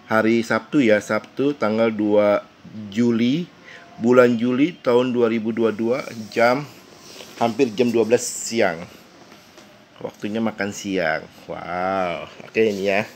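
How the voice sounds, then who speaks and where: A man's voice: lowish voice, a little hiss or hum. A man vlogging casually to his viewers with a stuffy, congested nose from a cold, chatty and repeating himself. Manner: chatty, repeats himself, slow deliberate counting. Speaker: YouTube vlogger. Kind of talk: casual monologue to camera.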